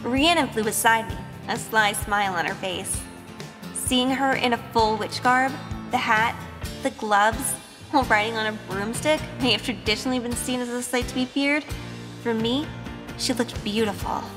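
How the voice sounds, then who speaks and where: Speaking at a moderate pace in a near-everyday voice, a woman plays Grace, a sweet, wonder-struck young witch who was once a sheltered good girl. Her pitch sits fairly high as she narrates this audio drama in first person with dialogue mixed in. Soft music plays beneath a long, ringing reverb.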